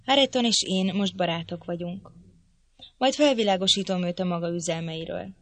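A woman's voice: on the low side, fairly bright tone, no room sound. A woman voicing a bold, defiant young woman in an audiobook reading.

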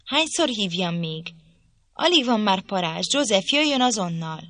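A woman's voice: medium pitch, animated, fairly bright tone, no echo. A woman reading aloud, voicing a sickly, petulant young man who complains fretfully. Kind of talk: audiobook character voice.

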